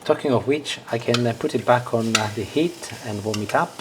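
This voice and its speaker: A cooking show host chats casually while demonstrating a dish and savouring the food, his medium-pitched voice fairly quick. Background noise and kitchen clatter are clearly audible.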